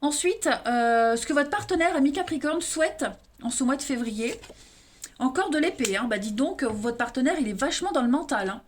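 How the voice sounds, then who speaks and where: An animated woman with a high voice and an eastern French accent walks viewers through her monthly tarot reading at a moderate pace, talking to them directly. She often tags phrases with "hein," and a slight hiss or hum is audible.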